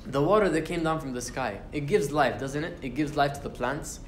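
A young man with a slightly high voice teaches briskly in a university lecture room, holding a casual Quran class. He recites Arabic verses and talks with fillers and restarts. The sound is roomy, and there's slight background noise.

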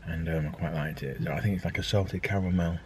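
A somewhat mellow, low-pitched man talks at a quick pace with fairly even intonation, slight background noise behind him. Hesitant and rambling with many ums, the vlogger, in his thirties, addresses a handheld camera at arm's length in a casual daily vlog. He's first in a park, then in a car, then home.

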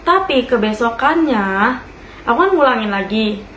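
A woman's voice: fairly high pitch, animated, moderate pace, fairly bright tone. A young woman, telling a ghost story in a casual, chatty way to her listeners and often laughing as she talks. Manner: chatty, addresses listeners as friends. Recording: echoey room with faint hiss.

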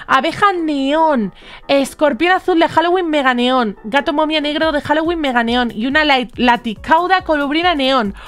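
High-voiced woman doing gameplay commentary. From Spain. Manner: animated and expressive, reacting aloud to trade offers. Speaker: gaming YouTuber.

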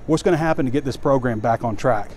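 Walking around a stadium at night, a sports reporter and publisher in his forties holds his phone at arm's length and vents. His mid-range, darkish voice moves quickly through blunt, frustrated, rambling commentary, and the handheld outdoor recording picks up ambient noise.

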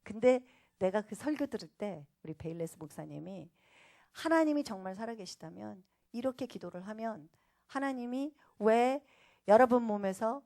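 A woman pastor giving a testimony sermon in a casual, talkative way. She swings between hushed and loud delivery and laughs wryly at herself. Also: fairly high pitch, lively intonation, moderate pace. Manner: laughs at herself, wry and self-mocking; casual, talkative address to a younger audience.

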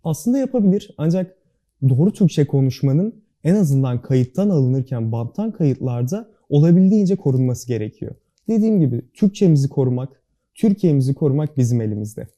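A young adult man, guest of a student club, responds to interview questions in a dark, mid-range voice that is very animated and a little fast. His diction is careful and precise, and he comes across as earnest and formal.

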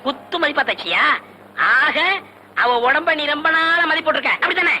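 An actor playing a jealous, sharp-tongued village husband who scolds loudly and sarcastically. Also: male voice, very high voice, animated, brisk, a little hiss or hum, full character voice, poor audio. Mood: scolding. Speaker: comic film actor. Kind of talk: 1980s Tamil film comedy dialogue.

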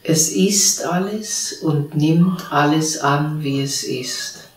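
A woman, a spiritual teacher, gently guiding a seated group through a meditation with calm, unhurried instructions. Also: deep voice. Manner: slow, calm spoken instructions with long pauses. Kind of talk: guided meditation. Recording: roomy sound from a distant mic.

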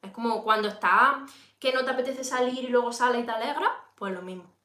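A woman with a Peninsular Spanish accent hosts a casual makeup tutorial livestream from a room at home, chatting directly to viewers and reading and answering their comments as she works. Her voice is fairly high, brisk, pushed and bright, in an echoey room.

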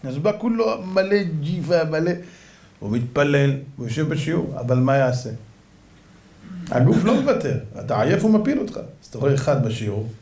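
A man's voice: a little high, sing-song, a little mellow, slight background noise. A man giving a religious lecture as a rabbi, telling stories animatedly and acting out voices. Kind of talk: lively religious lecture to an audience. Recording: echoey room.

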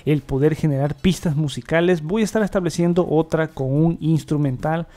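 A man hosting a software tutorial, explaining each step as he clicks through, often repeating set phrases. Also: fairly high pitch, normal speed. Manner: repetitive, filler-heavy demo talk. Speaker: tech tutorial host. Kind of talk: screen-recorded software tutorial.

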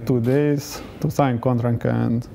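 Slow, gravelly Serbian-accented young man. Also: mid-range voice, fairly even intonation, mellow, a little hiss or hum. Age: 20s. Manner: halting, short phrases. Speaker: football player. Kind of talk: interview answers. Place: hotel lobby, indoors. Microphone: lapel.

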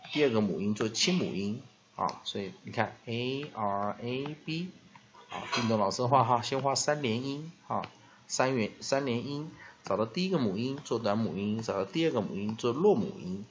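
A male English teacher explaining word pronunciation in a vocabulary lesson with a Taiwanese Mandarin accent, slowly stretching out example words and dropping a filler "ha" between phrases. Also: medium pitch, lively intonation, highs cut off. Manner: drawn-out repeated demonstration words, frequent filler "ha".

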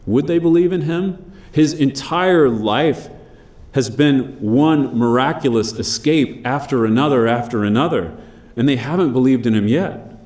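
A man preaching a sermon, measured and emphatic, slowing down on key phrases. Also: mid-range voice, a little mellow, reverberant. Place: church.

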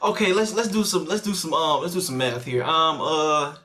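A young man streaming a joking voice chat in an online game, flustered and stammering, breaking into sudden shouts. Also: on the high side, normal speed. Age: young adult.

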